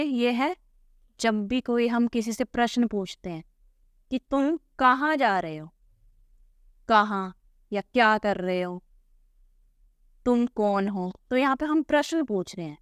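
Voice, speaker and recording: A woman's voice: on the high side, takes it slowly, pauses often, smooth, no room sound, studio quality. A woman teaching a school Hindi lesson, patiently walking through textbook answers and often checking in with "theek hai". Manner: patient, repeats "ठीक है" often.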